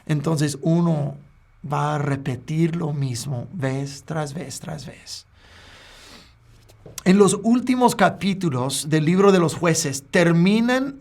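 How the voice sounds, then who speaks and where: A man preaching a sermon as a pastor, earnest and deliberate, speaking straight to his listener. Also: sits high.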